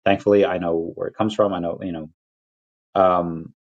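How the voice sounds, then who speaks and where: A young man from Peru hosting a casual livestream chat, rambling and restarting his sentences, with quick laughs between thoughts. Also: low voice, level tone. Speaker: crypto livestream host. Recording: lo-fi dull audio.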